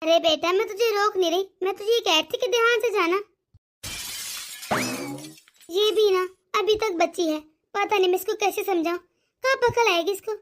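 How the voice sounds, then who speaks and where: A woman voicing a doting, fretful older mother-in-law in an animated cartoon, speaking softly and with worry. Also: very high voice, moderate pace, long pauses. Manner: soft-spoken, worried, coaxing.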